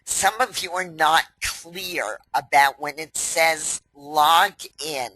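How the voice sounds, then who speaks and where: A woman's voice: low voice, sharp tone, no echo, rough recording. A woman with a New York accent and a head cold hosts a webinar, walking viewers through a members area in a chatty, step-by-step way. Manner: unhurried, chatty, explains step by step. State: has a head cold, stuffy. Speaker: company president hosting a webinar. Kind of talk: webinar software walkthrough.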